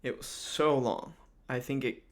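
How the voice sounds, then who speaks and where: A man's voice: mid-range voice, fairly even intonation, unhurried. A man hosting a casual wrestling recap, talking loosely with lots of fillers and restarts. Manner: rambling, many fillers and restarts.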